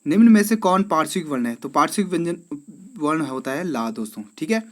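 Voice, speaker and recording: Guy teaching hindi exam quiz, uttarakhand accent, bit high voice, keeps saying theek hai to his friends. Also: expressive, fast. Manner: addresses viewers as friends, repeats "theek hai".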